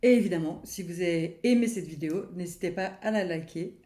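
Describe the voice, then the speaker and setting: A woman speaking French as a personal development coach, guiding listeners gently with many pauses and fillers. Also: on the low side, reverberant. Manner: soft, unhurried, guiding with many fillers and restarts; counts slowly through a breathing exercise. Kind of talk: gentle personal growth video talk.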